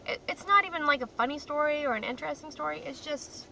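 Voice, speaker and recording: Sitting in a parked car, this young Croatian-raised vlogger rambles chattily to her phone and keeps making fun of herself. She talks fast in a high, gravelly voice that is bright and forceful. A distant mic picks up faint car noise.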